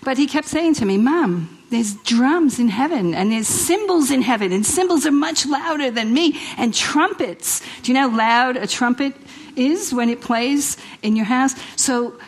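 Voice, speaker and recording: A middle-aged woman from New York, her accent carrying traces of Italian and Australian, gives an informal inspirational sermon as guest speaker at a church women's event. Her high-pitched, slightly rough voice is animated but unhurried, and she talks to the live audience in a chatty, exhortative style full of repeated phrases and rhetorical questions.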